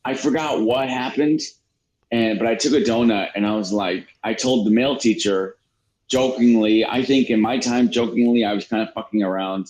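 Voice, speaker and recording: A man's voice: on the low side, normal speed, darkish tone, slight background noise, low-quality recording. A man telling a childhood story in casual, profane podcast chat. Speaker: podcast guest.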